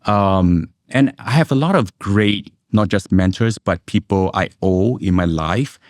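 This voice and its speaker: A middle-aged investment analyst from Indonesia and Singapore answers as an interview guest in a measured, reflective way. His voice sits low, and the studio-quality recording has no room sound.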